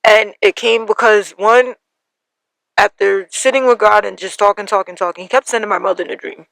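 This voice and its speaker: Gravelly bright-voiced woman telling a personal story. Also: medium pitch, steady tone, dry recording, rough recording. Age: 30s. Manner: emotional and halting, many fillers and laughs. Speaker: podcast host.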